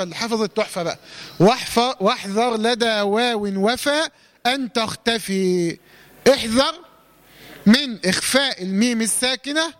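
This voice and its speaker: A man with an Egyptian accent and a high voice teaches the rules of Quran recitation. He keeps asking questions and answering them himself. He slows to a long, drawn-out recitation whenever he gives an example. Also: fairly bright tone, long reverb tail. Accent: Egyptian Arabic. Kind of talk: tajweed lesson with recited examples.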